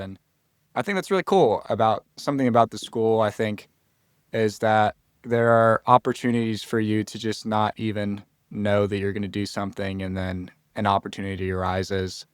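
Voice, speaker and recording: A young adult man from Florida, a college freshman appearing on a podcast, has a clear, resonant voice on the low side, recorded in clean studio sound without room noise. His casual interview talk is earnest, full of thinking aloud, restarts, and quoted asides.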